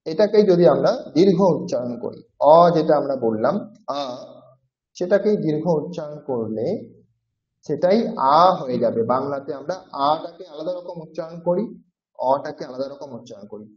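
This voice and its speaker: A man's voice: fairly high pitch, darkish tone. A man teaching a language class, patiently explaining and repeating each sound several times to demonstrate it. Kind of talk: classroom lecture. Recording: roomy, dull-sounding audio.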